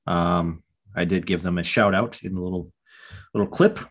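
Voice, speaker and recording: A man's voice: low-pitched, steady tone, moderate pace. An American man hosting a casual sports fan podcast, chatting informally. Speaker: podcast host.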